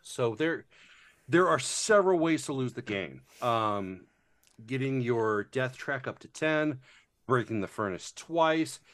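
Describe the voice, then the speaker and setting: A board game reviewer chats casually about games, rambling with many fillers, restarts, and casual swearing. His mid-range voice is animated and a bit bright, and he speaks slowly.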